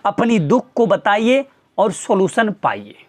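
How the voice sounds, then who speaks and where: A man's voice: high-pitched, sing-song, measured pace, a little mellow. A man, a teacher, earnestly lecturing his students with pointed rhetorical questions. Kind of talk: motivational talk to students.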